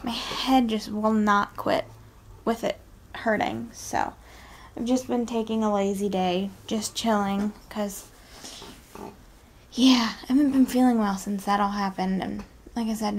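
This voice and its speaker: A young woman vlogging casually at home in an informal, rambling way, full of "like" and "kinda". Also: medium pitch. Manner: informal, drawn-out asides with frequent "like" and "kinda". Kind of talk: casual daily vlog chat. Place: at home, indoors. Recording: clear background noise, home ambience.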